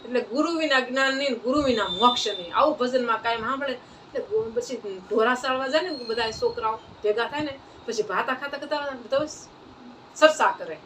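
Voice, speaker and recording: A woman's voice: on the high side, normal speed, fairly bright tone. A woman telling a saint's life story at a satsang, in a plain folk manner that repeats phrases. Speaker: devotional storyteller. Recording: distant mic, faint ambient noise.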